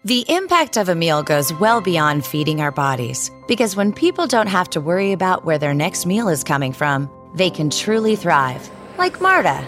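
A woman's voice: on the low side, big pitch swings, normal speed, hardly any pauses, a bit bright. A woman reading scripted narration for a charity public service announcement. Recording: music bed under the voice.

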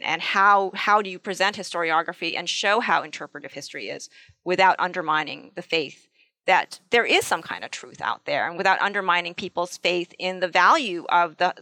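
Bright-voiced woman historian, hesitant. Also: fairly low pitch, no echo. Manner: hesitant, many ums and repeated starts. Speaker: guest historian. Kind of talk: academic interview answers.

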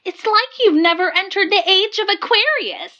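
An actress playing a grand, haughty psychic who speaks in a lofty, theatrical way, calling in to a radio show over the phone. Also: female voice, very high-pitched, expressive, moderate pace, sharp tone, full character voice. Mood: mystical. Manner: lofty, theatrical, airy laughs. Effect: heard over the phone. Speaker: caller. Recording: muffled phone line.

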